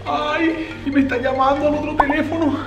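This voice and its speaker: Very high-voiced excitable man. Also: normal speed, reverberant, over loud music. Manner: anxious, jumpy, repeats "no, no, no". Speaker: vlogger pulling a prank. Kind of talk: excited prank vlog.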